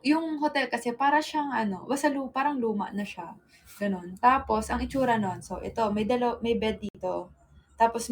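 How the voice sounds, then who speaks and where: A woman in a casual livestream chat, telling stories to her viewers, calling them guys and laughing often into her phone camera. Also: mid-range voice.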